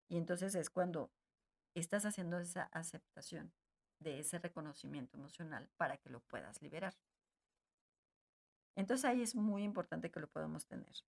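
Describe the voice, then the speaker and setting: A woman giving gentle, repetitive advice straight to her listeners in an emotional wellness talk. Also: on the low side, vocal fry.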